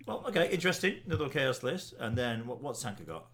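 A man's voice: mid-range voice, sing-song, fast, a bit bright. A man hosting a casual gaming podcast, chatty and jokey, asking his guests questions. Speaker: podcast host.

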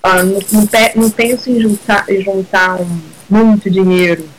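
A woman's voice: mid-range voice, steady tone, normal speed, slight background noise, rough recording. A middle-aged woman from Brazil, a guest in a casual interview, talking hesitantly with many restarts and mixing in English words.

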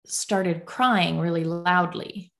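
Animated, self-mocking woman guest. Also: lowish voice, slow pace, gravelly. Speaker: podcast guest. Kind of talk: casual storytelling interview.

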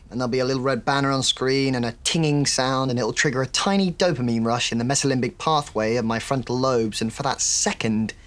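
An actor playing a sardonic, weary male gamer in a comedy clip, flat and dry. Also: mid-range voice, natural voice.

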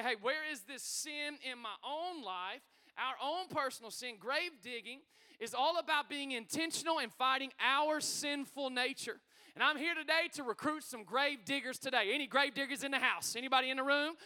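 A middle-aged man preaching a sermon as pastor, energetic and calling out to his congregation in a church hall. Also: very high voice, fairly quick.

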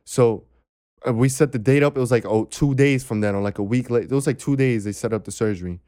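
A young man in casual chat, telling a personal story in a lively way, acting out the voices of others and swearing freely. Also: mid-range voice, fast talker, dry recording, clean studio sound. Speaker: guest telling his story.

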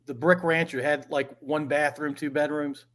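A man's voice: on the high side, little pitch movement, moderate pace, fairly bright tone. A man hosting a casual podcast interview, joking and asking short questions. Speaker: host.

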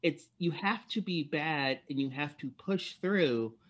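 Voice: medium pitch, lively intonation, muffled recording. A podcast host chatting casually and offering encouragement to a guest. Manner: encouraging, conversational, quick affirmations. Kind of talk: casual interview chat.

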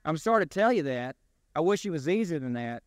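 A man preaching a sermon as pastor, in a deliberate, emphatic delivery with rising and falling stresses. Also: on the high side, very animated, dry recording, studio quality.

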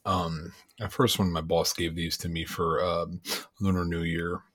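Male podcast co-host, very low husky voice, rambling casual chat. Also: level tone, a little slow, fairly bright tone. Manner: rambling, laughs easily, many fillers.

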